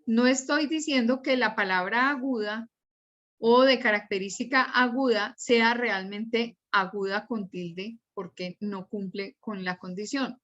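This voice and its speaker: A woman teacher lectures in an unhurried, careful way, going over her examples one by one. Her voice sits a little high. The sound is dull and lo-fi, like an online class. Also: fairly bright tone. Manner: patient, repeats and spells out examples. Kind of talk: slow, explanatory class lecture.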